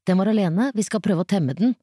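A headstrong twelve-year-old girl from a storybook, stubborn and insistent, in a raised, mellow voice, as the narrator puts her on. The room is dry. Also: medium pitch, no room sound, voice pushed up, close to an everyday voice. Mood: defiant. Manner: defiant, insistent.

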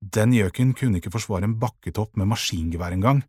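A man narrating a children's audiobook in a calm, measured way, with a husky voice. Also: fairly low pitch, no echo, studio quality.

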